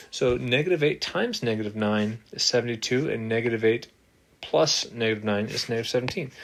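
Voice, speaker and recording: Writing on screen as he goes, this male math teacher walks through examples in a screen-capture lesson, cheerful and poking fun at his own mistakes. His mid-range voice is a bit bright. He records on a desktop microphone, with noise and ticking in the background.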